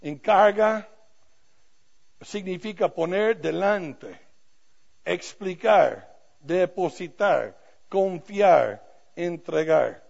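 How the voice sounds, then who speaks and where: An older man, a pastor, preaching a sermon with humorous personal stories, swinging between quiet asides and loud emphatic passages. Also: sits high, animated, extremely slow, creaky, pauses often. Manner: storytelling with self-deprecating humor, swinging from soft to loud. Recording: dull lo-fi recording.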